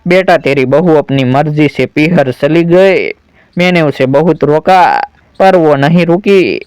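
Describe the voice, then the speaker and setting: A man's voice: fairly high pitch, animated, takes it slowly, darkish tone, smooth, no echo. A man voicing a stern, controlling older mother-in-law in a spoken story, reading her lines plainly. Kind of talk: storybook narration.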